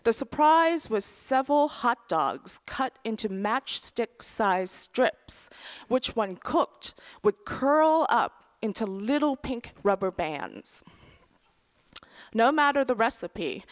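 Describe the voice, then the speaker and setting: A middle-aged woman reading her own memoir essay aloud at a lectern in a large auditorium, dry and wry, with soft trailing phrase endings. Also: medium pitch. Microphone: lectern microphone.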